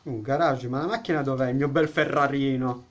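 A man's voice: mid-range voice, fairly even intonation, a little fast, highs cut off, a little hiss or hum. A man giving let's-play commentary on a horror game as a gaming YouTuber, joking, chatting with the game characters and blurting out startled exclamations.

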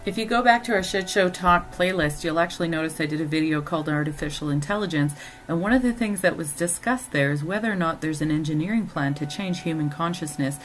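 A woman's voice: deep voice, low-quality recording. A woman hosting a commentary show, talking in an earnest, speculative way. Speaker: host. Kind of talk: scripted commentary.

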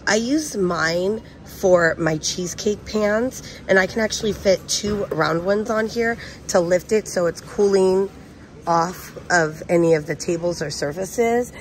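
An adult woman with a son vlogs while shopping in a discount supermarket aisle, speaking at medium pitch and an unhurried pace. She's chatty and excited about bargains, narrating into a handheld phone camera as store noise carries in the background.

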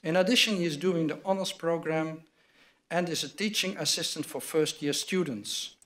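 A slightly high, somewhat bright voice belongs to an older man presenting awards at a university ceremony. Standing at a lectern microphone in a large wood-panelled hall, he reads formal citations from notes in a measured, scripted manner.

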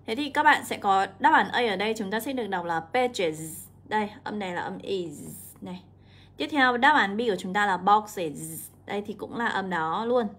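A young woman, an English teacher walking students through an exam, drawing out example words slowly. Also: medium pitch, lively intonation, fairly bright tone. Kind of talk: exam walkthrough lesson.

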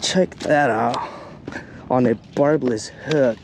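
On a shoreline, a fishing vlogger in his thirties talks at a slow pace in a mid-range voice. His casual, chatty commentary is peppered with fillers, and the action camera, held in hand or mounted on his chest, picks up faint outdoor noise.

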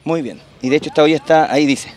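A man's voice: a little high, darkish tone. A man in his thirties with a Chilean accent, roving reporter interviewing scouts on a handheld mic. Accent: Chilean Spanish. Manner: upbeat, affirming with quick "excelente". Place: outdoor camp and crowded tent stand. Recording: busy crowd noise behind.

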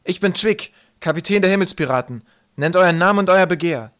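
A man's voice: high-pitched, brisk, a bit bright, smooth, voice pushed up. A man voicing a young male sky pirate captain who tries to sound brave, in an audiobook. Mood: proud.

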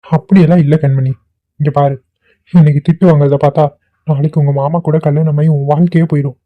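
A man voicing a calm, reassuring young husband in an amateur cartoon, speaking in a soothing, steady way. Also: fairly high pitch, quick pace, no echo, natural voice. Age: young adult. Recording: tinny phone-like audio.

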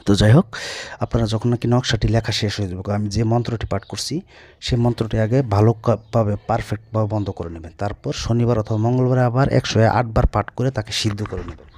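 A man's voice: lowish voice, fairly even intonation, fast talker, a little mellow, slight background noise. A man, a folk healer giving brusque, repetitive spoken instructions to the camera. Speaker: folk healer demonstrating a ritual.

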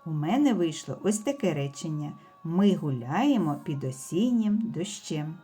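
A woman teaching a speech development lesson for young children, speaking slowly and clearly with careful enunciation. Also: deep voice, very animated, warm tone, faint music behind. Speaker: preschool teacher.

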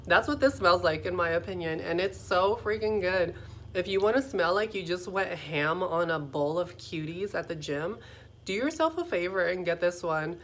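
A woman's voice: on the low side, animated, normal speed, slight background noise. A woman in her thirties chatting enthusiastically to camera as she reviews fragrances in a small wood-paneled room. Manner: chatty and enthusiastic, many "really" and "um". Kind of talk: casual product review to camera.

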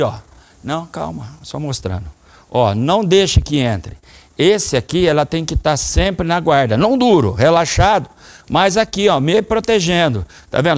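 A middle-aged man with a Brazilian Portuguese accent teaching a children's karate class in a training hall, calling out commands and explaining techniques. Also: a little high. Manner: lively, coaching commands to children. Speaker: karate instructor.

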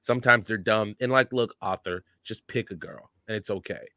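A man's voice: fairly low pitch, normal speed, no echo, clean studio sound. A man co-hosting a casual anime review chat, talking emphatically with many restarts and "like"s. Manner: emphatic and animated, lots of restarts and "like". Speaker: co-host.

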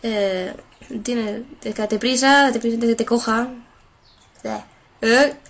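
A chatty young woman streams gameplay, reading the game's dialogue aloud and translating on the fly with plenty of fillers. Her voice sits a little high and fairly bright, and she speaks slowly into a headset.

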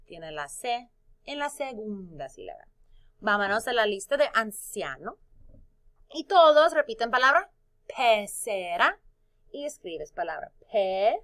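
Slow, lively female phonics teacher. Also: fairly high pitch. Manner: slow and drawn out, sings out syllables and sound cues. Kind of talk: phonics lesson for young children.

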